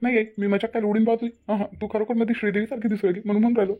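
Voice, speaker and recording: A woman voicing a grown son in a cartoon who jokes and flatters his mother. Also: mid-range voice, racing, narrow, tinny audio, close to an everyday voice. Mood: playful.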